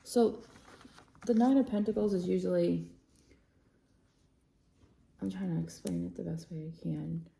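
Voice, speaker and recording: Low gravelly woman doing a chill tarot reading, kinda rambly, keeps saying sorry and checking notes. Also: fairly even intonation, measured pace, pauses often, mellow, echoey room, a little hiss or hum. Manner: chatty, rambling, self-correcting; reads from notes, apologizes often. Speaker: tarot reader. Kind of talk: casual tarot reading to camera.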